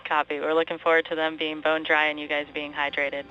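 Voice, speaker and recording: A woman working as a spacecraft operator, giving crisp, methodical procedural callouts over a space-to-ground radio link. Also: low voice, flat delivery, brisk, pushed and bright. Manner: crisp, methodical checklist delivery. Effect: space-to-ground radio comm link. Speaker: spacecraft operator at mission control. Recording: muffled radio link, faint music.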